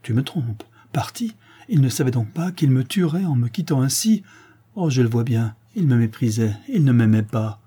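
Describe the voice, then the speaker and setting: A man's voice: mid-range voice, expressive, normal speed, warm tone, slightly rough. A man voicing a young, passionate countess in despair, pleading and crying out in anguish.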